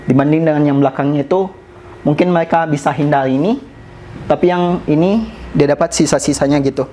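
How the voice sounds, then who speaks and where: A man walks colleagues through presentation slides in an easygoing, chatty manner. His voice sits a little on the high side, and he often pauses on filler sounds while dropping in English business terms. A faint hum of background noise runs underneath. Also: mellow, low-quality recording. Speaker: presenter at a company sharing session.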